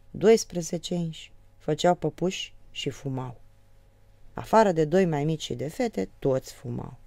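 A woman reads a novel aloud, low-pitched with a gravelly texture. Her delivery swings widely and animatedly, and her tone is dark and mellow. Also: dry recording. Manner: lively, varies voice for characters. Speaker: audiobook reader. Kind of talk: expressive novel reading.

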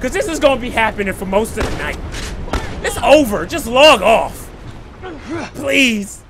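A man streaming live gameplay, commentating and trash-talking opponents with brash, shouted taunts. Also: very high voice, expressive, moderate pace, a crowd in the background. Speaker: game streamer. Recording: noisy stream audio.

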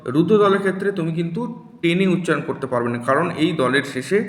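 Man, lesson teacher, fairly high pitch, patient and repetitive, echoey room. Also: lively intonation. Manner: patient, repeats words and sounds slowly. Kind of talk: classroom lesson. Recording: echoey room with long reverb.

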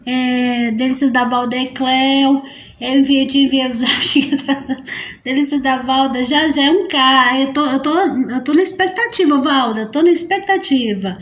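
A woman's voice: high voice, normal speed, fairly bright tone. A woman hosting a casual live stream, chatty and affectionate, greeting viewers by name and laughing often. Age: adult mother. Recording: roomy echo.

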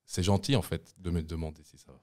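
A man's voice: low voice, steady tone, fast, warm tone. A young man co-hosting a casual podcast in a studio, joking around and breaking into bits of song. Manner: playful, breaks into snatches of song. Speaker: podcast co-host.

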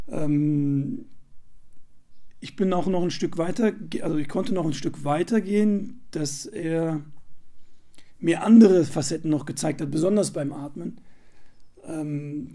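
A man's voice: sits high, dark tone. A man sharing his experience of a meditation retreat, hesitant and searching for words with frequent fillers. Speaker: retreat participant. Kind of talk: casual spoken testimonial.

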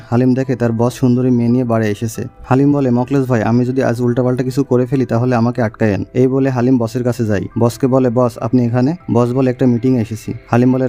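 A man quickly retelling a drama's plot as a narrator, reading every character's lines himself. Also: mid-range voice, mellow.

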